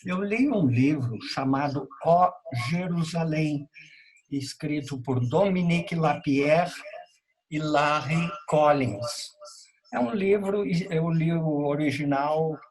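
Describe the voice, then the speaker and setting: A man in the audience asking a question on a call, slowly and haltingly, with long pauses. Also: fairly high pitch, darkish tone, low-quality recording. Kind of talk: casual spoken question.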